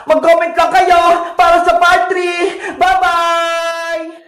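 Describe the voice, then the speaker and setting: Very high-pitched lady in a kids skit, shouty and excited, drawn-out slow talk. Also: echoey room. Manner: shrill, excitable, often shouting. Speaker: skit performer and channel host. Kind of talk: comedic kids skit acting.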